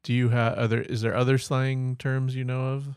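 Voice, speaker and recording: Very deep-voiced woman asking patient questions. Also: little pitch movement, moderate pace, darkish tone, clean tone, no room sound, clean studio sound. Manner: patient, questioning, explains words plainly. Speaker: podcast co-host. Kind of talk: casual podcast chat.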